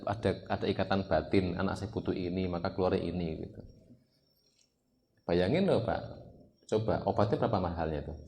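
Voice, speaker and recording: Lively Javanese-accented male preacher. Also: vocal fry, slight background noise. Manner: lively, keeps asking the audience questions, sudden high jumps. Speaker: Islamic preacher. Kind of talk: sermon to a live congregation.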